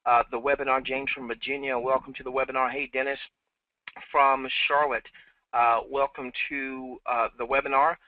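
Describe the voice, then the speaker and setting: A man's voice: mid-range voice, dry recording. A man hosting a live team webinar, upbeat and repeating himself, with many fillers, on a headset. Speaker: webinar host. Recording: dry, tinny phone-like line.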